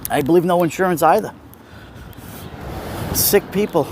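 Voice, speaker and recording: Male walking-livestream host, Brooklyn Italian-American accent, slightly high voice, casual chat over outdoor street noise. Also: normal speed, a little mellow. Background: street ambience, passing vehicles.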